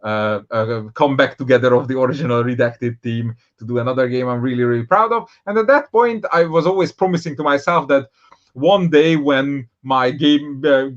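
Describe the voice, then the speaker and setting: A man talks casually as an interview guest, mid-pitched and rambling, often restarting with fillers. The audio is dull and lo-fi. He speaks at an ordinary middle pitch throughout. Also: moderate pace. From Hungary. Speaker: board game designer, guest. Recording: dull, lo-fi sound.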